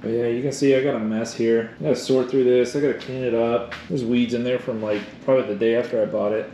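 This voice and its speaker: A man chats casually to his camera about his kayak, loose and friendly, with laughs breaking in. The sound is roomy, and there is clear noise behind him. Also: medium pitch, quick pace. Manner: relaxed, chatty, laughs often. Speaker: fishing channel host. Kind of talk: casual vlog chat. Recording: echoey with loud background noise.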